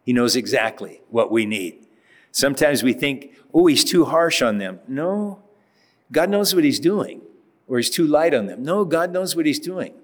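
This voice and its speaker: Man preaching in a reverberant church. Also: medium pitch. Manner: conversational Bible teaching with emphatic rises. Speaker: pastor. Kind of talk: sermon.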